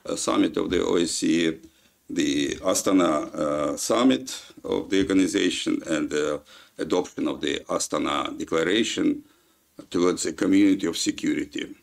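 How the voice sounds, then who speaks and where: A man with a Kazakh accent gives a formal lecture, pausing often on filler sounds. His voice sits very low and carries a heavy gravelly fry. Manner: halting, with frequent "uh" fillers. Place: lecture hall.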